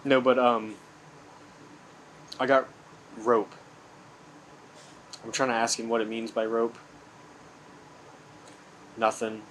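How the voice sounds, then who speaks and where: A man's voice: mid-range voice, little pitch movement, slow pace, pauses often, fairly bright tone, low-quality recording. Young guy doing a ghost hunting vlog, slangy and casual, bit of room hum behind him. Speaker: paranormal investigator. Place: indoors in a large old house.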